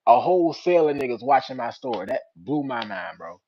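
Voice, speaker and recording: A young man with a Richmond, Virginia accent, hosting a casual live-stream chat with viewers. He uses street slang and breaks into loud teasing. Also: medium pitch, sing-song, a little fast, breathy edge, highs cut off. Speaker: channel host.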